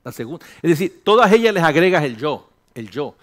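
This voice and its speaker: An older man gives a sermon-style teaching, his voice sitting a bit higher than most men's. He is animated and joking with the congregation, then drops into a hushed, low tone. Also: fairly quick. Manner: animated, jokes with the congregation, mixes English phrases. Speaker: pastor.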